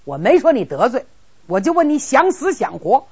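A woman's voice: high voice, big pitch swings, normal speed, darkish tone, breathy edge, heavily acted. A woman voicing a hot-tempered, brash young nobleman who talks bluntly and bossily, on a dull lo-fi recording. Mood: blustering. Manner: blunt, threatening, bossy.

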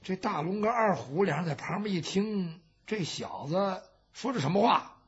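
A male storyteller performing a traditional tale, lively and dramatic, his voice high and swinging widely in pitch. The recording is dull and lo-fi. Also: normal speed, breathy edge.

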